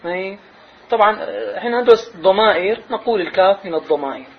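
A man's voice: sits high, animated. A man leads a classroom lesson, asking his students questions and drawing out important words. The recording sounds a little dull and has a faint hiss of noise behind it. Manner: questioning, drawn-out emphasis on key words. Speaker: Arabic grammar and rhetoric teacher.

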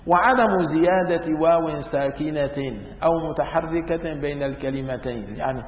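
Man, religious teacher, animated with wry asides; thin lo-fi sound, long hall reverb. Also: a little high, moderate pace. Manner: lively, demonstrative, wry asides. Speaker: teacher of Islamic law. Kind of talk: religious lesson. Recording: tinny phone-like sound in echoey hall.

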